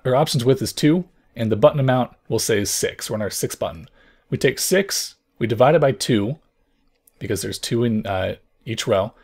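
Hoarse, gravelly-voiced man teaching code. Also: mid-range voice. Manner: thinks out loud, hesitant explaining. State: hoarse from lost voice. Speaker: programming tutorial host. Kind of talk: casual coding tutorial.

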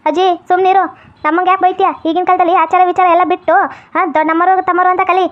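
A woman's voice: extremely high pitch, flat delivery, quick pace. A woman voicing a teenage granddaughter in college who complains and tattles, in a comedy skit. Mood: complaining. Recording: tinny phone-like sound.

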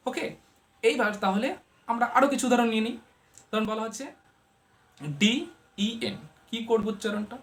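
A woman's voice: fairly high pitch, fairly even intonation, normal speed, pauses often. A woman teaches English pronunciation in a patient lesson. She poses questions to her viewers and answers them herself. She explains each rule with everyday family comparisons.

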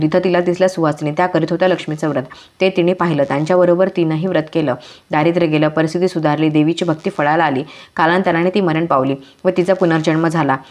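A woman narrates a devotional folk tale with a low, steady voice. She speaks in measured, rhythmic short phrases, in the manner of a traditional storyteller.

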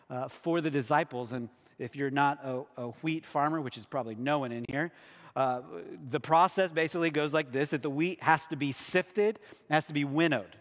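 A man with a slightly high voice preaches a sermon to his congregation. He reads scripture aloud and then unpacks it plainly, at times stumbling and restarting. His voice rings out with a long reverb in a church sanctuary. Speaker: pastor.

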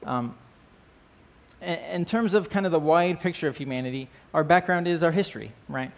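A man with a gravelly voice on the high side speaks at a moderate pace. He's leading a church class lesson, opened with prayer, indoors on a stage holding band equipment. The style is easygoing and chatty, with frequent questions to the class and lots of "right?" and "uh."

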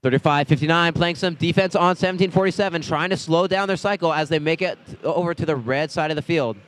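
A man announcing a robotics competition, giving steady live play-by-play of team numbers and scores at the event venue. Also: fairly high pitch, fast talker. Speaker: match announcer.

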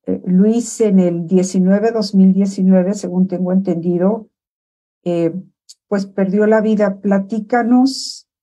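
A woman hosting an interview, asking gentle questions in a soft, consoling way that trails off quietly. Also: mid-range voice. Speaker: interviewer, host.

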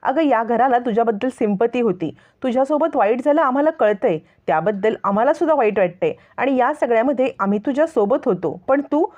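Casting: woman playing a resolute young wife, scolding and protective, highish voice, lo-fi sound. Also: animated, fairly quick, few pauses, a little mellow, close to an everyday voice. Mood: angry. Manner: scolding, warning. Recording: lo-fi recording.

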